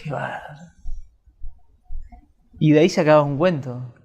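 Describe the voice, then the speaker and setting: A man with an Argentine accent asks questions in a fairly high, animated voice. He speaks slowly and comes across as attentive and admiring, and his voice trails off into a long reverb. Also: gravelly, highs cut off. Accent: Argentine Spanish. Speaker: interviewer. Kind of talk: interview questions.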